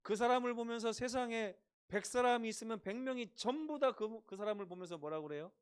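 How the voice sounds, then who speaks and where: A pastor over fifty preaching a sermon, acting out quotes with dramatic rises and drops in loudness. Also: male voice, brisk, clear, resonant tone. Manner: dramatic, acts out quotes with big swings in pitch and loudness.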